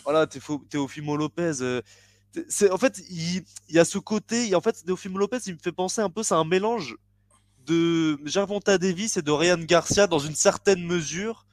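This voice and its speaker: Man, halting casual podcast talk. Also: fairly high pitch, no room sound. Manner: halting, many restarts and fillers. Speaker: podcast co-host. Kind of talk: casual chat about boxing.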